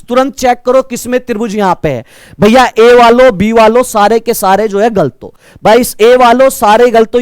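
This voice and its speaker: A man with a naturally loud, high voice teaches a live online reasoning class. He talks with energy, quizzes his students and calls them brother. The sound is smooth and close, with a dry room. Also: no echo. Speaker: reasoning teacher for exam prep.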